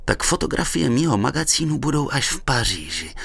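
A man's voice: mid-range voice, big pitch swings, vocal fry, a bit bright, slightly rough, no room sound, pitched above the performer's own voice, full character voice. A man voicing a small-town undertaker who is eager and fretting, spilling out ideas.

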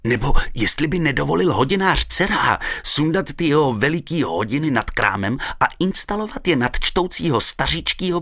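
A man's voice: medium pitch, sharp tone, no echo, studio quality, pitched above the performer's own voice. A man voicing a small-town undertaker who is eager and fretting, spilling out ideas.

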